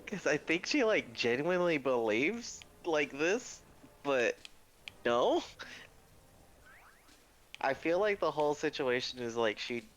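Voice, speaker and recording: A man's voice: fairly high pitch, very animated, takes it slowly, pauses often, a bit bright, slight background noise, rough recording. A man in casual chat with friends, telling stories bluntly and crudely.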